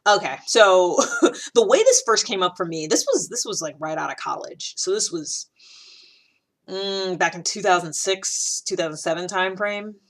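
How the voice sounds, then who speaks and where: Rambling casually on her own podcast, an Ohio woman in her thirties talks about personal things, restarting often and saying "like" constantly. She has a mid-range voice with big pitch swings and a moderate pace.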